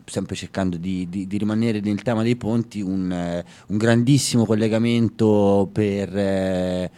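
A man co-hosts a music radio show in relaxed, chatty talk. His voice sits low, and he hesitates often, filling pauses with "eh" as he builds up a story. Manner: hesitant, many fillers, storytelling. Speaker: radio co-host. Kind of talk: casual music radio chat.

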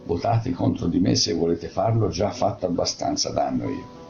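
A man reading aloud and voicing a remorseful, apologetic older gentleman in a storybook reading. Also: low-pitched, animated, normal speed, vocal fry, heavily acted. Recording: dull lo-fi audiobook with faint music.

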